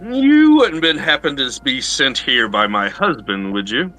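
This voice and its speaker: A man's voice: mid-range voice, very animated, a little slow, sharp tone, slight background noise, voice pushed up. A man voicing an imperious, unhinged sorceress in a tabletop game, with a probing, threatening manner. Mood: polite, probing.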